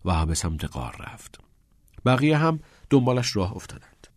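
A man narrating an audiobook with an expressive storytelling delivery. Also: mid-range voice, no room sound, studio quality.

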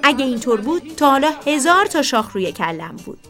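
A woman's voice: high voice, big pitch swings, a bit bright, faint music behind, pitched above the performer's own voice. A woman voicing a confident father who jokes breezily. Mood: breezy.

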